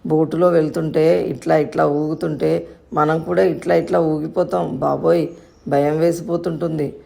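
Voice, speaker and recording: A woman's voice: low-pitched, little pitch movement, moderate pace, creaky, dark tone. A woman voicing a chatty, innocent young boy who asks questions and rambles on.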